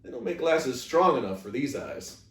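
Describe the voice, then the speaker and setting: A man voicing a kindly, plainspoken old Southern woman with a folksy, gently admonishing way, as he reads a story. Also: mid-range voice, big pitch swings, normal speed, slight background noise, voice pushed up, natural voice. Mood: gentle, frank. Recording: echoey room, distant microphone.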